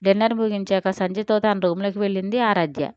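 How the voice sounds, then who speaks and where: A woman storyteller reading an audio story in a steady, expressive way. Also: mid-range voice, brisk, clear, resonant tone, no echo, dull audio. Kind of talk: scripted audio-story narration.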